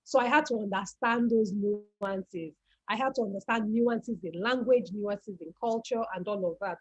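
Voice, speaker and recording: Through dull, lo-fi call audio, a Nigerian-accented woman with a medium-pitched voice speaks at normal speed. She's a guest on an online talk, reflectively sharing her family's story and repeating words as she looks for what to say.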